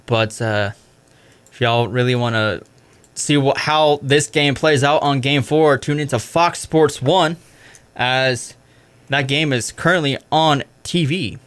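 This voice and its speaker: A man's voice: medium pitch, slow pace, a bit bright, clear, resonant tone. Young male college radio host reading scores and stats, loose and chatty, often corrects himself. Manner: casual, fills with "I mean", corrects himself. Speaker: sports show host. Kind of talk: college radio sports recap.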